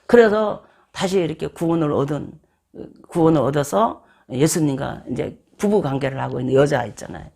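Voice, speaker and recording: A preacher giving a sermon in a lively storytelling way, often acting out voices in quoted lines. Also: mid-range voice, brisk, gravelly.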